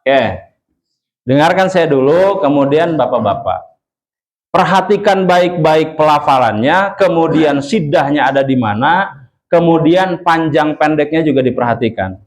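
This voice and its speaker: A religious teacher with a Sundanese accent leads a recitation class for a group of men. His voice sits a little high, and he talks slowly and patiently. He stretches out each recited word so the group can copy it. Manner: patient, drills pronunciation by drawing out recited words slowly. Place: study gathering with a group of men.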